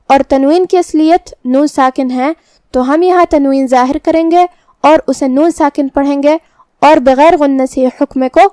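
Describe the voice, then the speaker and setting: A woman teaching Quran recitation, calmly explaining each letter step by step and reciting verses slowly. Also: sits high, no echo, studio quality. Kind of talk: tajweed lesson with slow recitation.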